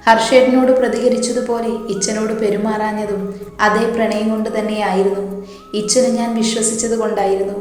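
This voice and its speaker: A hurt, proud young woman, as a woman narrator reads her, earnest and pleading, with a somewhat high voice. A long, roomy reverb hangs over every word, and faint music runs underneath. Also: natural voice. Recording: echoey hall with soft music.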